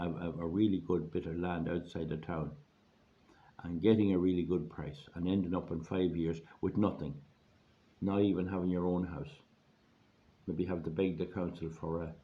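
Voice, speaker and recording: A hoarse Irish man giving an informal, rambling monologue in a plain-spoken, folksy way, repeating phrases for emphasis. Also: low-pitched, warm tone. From Ireland. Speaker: online video host giving money advice. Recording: dull lo-fi audio, faint background noise.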